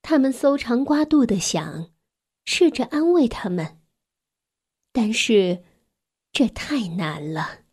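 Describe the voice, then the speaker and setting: A woman reads a children's bedtime story in a gentle, unhurried way, her voice a little raised. She softens at tender moments, at times sinking almost to a whisper. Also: fairly high pitch, sing-song, husky. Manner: gentle, soft, sometimes drops to a whisper.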